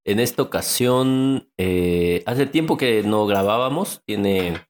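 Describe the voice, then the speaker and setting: A man's voice: lowish voice, expressive, slow pace. A man, co-hosting a podcast in casual chat, rambling and joking as he stops and restarts his sentences. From Mexico City. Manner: rambling, self-interrupting, joking. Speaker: podcast co-host.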